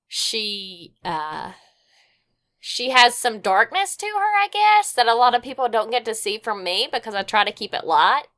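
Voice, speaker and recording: A woman's voice: medium pitch, fairly bright tone. A young woman guest on a podcast, chatting casually and rambling a bit, with frequent fillers and restarts. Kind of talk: casual chat.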